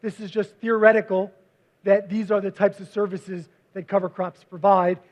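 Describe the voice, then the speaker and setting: A man, a visiting researcher, giving a conference presentation with slides, talking quickly with frequent fillers. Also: high-pitched, little pitch movement. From United States. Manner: self-described fast talker, frequent fillers. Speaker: visiting cover crop researcher. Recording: dull lo-fi recording.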